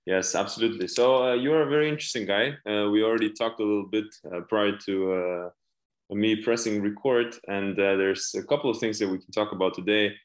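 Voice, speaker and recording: Rambling low-voiced male podcast host. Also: fairly quick. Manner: rambling questions full of fillers. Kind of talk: podcast interview. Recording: roomy echo.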